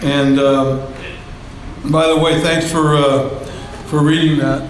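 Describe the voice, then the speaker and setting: Talking slowly and in a level tone, an older man with a voice on the high side gives a personal share at a support group meeting. He rambles in a folksy manner full of fillers, holding a handheld mic in a meeting room, and the low-quality recording carries slight background noise.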